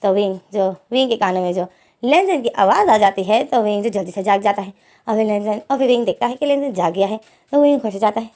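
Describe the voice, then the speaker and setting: A woman's voice: mid-range voice, animated, fast talker, darkish tone. A woman reading fanfiction as casual storytelling, rambling with restarts. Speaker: fanfiction reader.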